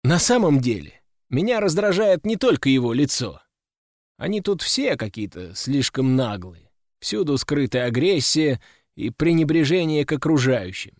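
A man narrates a first-person novel with expressive storytelling. His voice sits fairly high and moves with animated intonation. The recording is dry and close, with no room sound. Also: normal speed, no room sound. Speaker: audiobook narrator.

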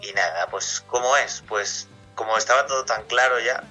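A singer from Castilla-La Mancha, Spain, gives long, casual, rambling answers with many restarts in a radio interview. His voice is medium-pitched and sharp at a moderate pace, and the lo-fi recording carries faint music behind it.

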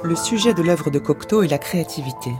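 A male radio host reading scripted narration at a measured, even pace. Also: a little high, loud music behind the voice.

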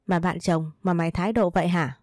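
A woman's voice: lowish voice, steady tone, fairly quick, darkish tone, no echo, clean studio sound, close to an everyday voice. Woman reading a rude, scornful sister-in-law. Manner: blunt, insulting, bossy. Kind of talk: read storybook dialogue.

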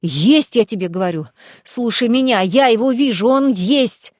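A stubborn young woman, as the reader plays her pleads and shouts in hoarse despair. Her voice sits a little high. The sound is dry and close to the mic. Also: lively intonation, normal speed, no echo, close to an everyday voice. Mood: desperate.

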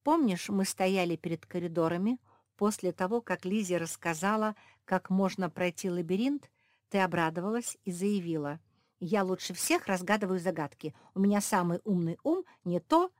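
A woman voicing a steady, determined female pug who insists on her plan. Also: lowish voice, moderate pace, dry recording, studio quality, lightly acted. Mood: questioning. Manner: firm, insistent.

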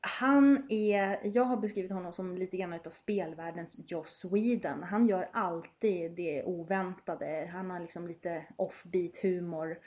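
A woman's voice: on the low side, darkish tone. A woman co-hosting a gaming podcast, explaining at length in casual chat with many fillers. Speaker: podcast co-host. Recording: slightly dull lo-fi sound.

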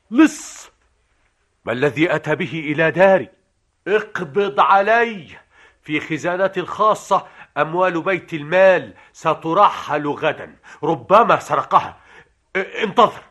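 A man acting a fussy, panicky judge in a stage comedy, shrill and fretful. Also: sing-song, a little slow, a bit bright. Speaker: stage actor.

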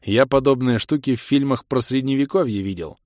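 A man's voice: medium pitch, fairly quick, no echo. A man narrating a fantasy audiobook in a tense, dramatic manner, close to the mic. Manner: tense, dramatic, hushed in suspense.

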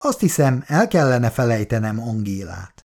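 A man's voice: medium pitch, sing-song, vocal fry, a little mellow. A reader voicing Laci, a troubled young man unsure about his love, in a storybook reading. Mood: brooding.

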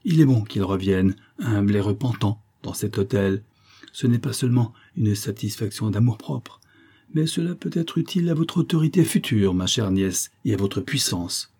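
A man's voice: fairly low pitch, expressive, moderate pace, mellow, breathy edge. A man putting on a fawning, scheming old prince. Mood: ingratiating. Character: scheming aristocratic Italian prince, older man, obsequious.

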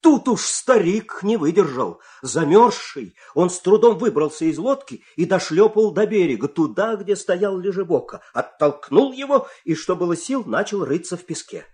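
A man with a high-sitting voice tells a fairy tale like a dramatic storyteller. His delivery is expressive and full of suspense, and he pauses deliberately.

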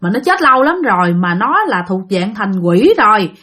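A woman's voice: medium pitch, normal speed. A woman with a Southern Vietnamese accent telling a ghost story, talking straight to her listeners. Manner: animated, talks straight to listeners. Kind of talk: spoken ghost story narration.

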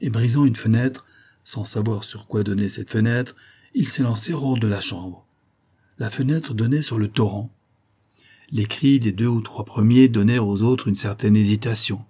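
A male audiobook narrator reads a classic novel at a steady, measured pace. His voice is low and dark, with a husky grain. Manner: steady, measured storytelling delivery.

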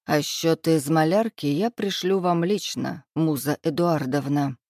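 A woman's voice: deep voice, a little slow, darkish tone, no echo, clean studio sound. A woman doing a smug, teasing young man. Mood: mocking. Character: brash mocking young man, a restaurant owner.

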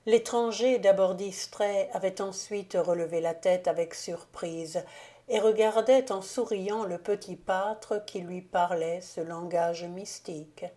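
A woman reading a classic novel aloud in a measured, calm way. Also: mid-range voice. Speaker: audiobook reader. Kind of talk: audiobook narration of a classic novel.

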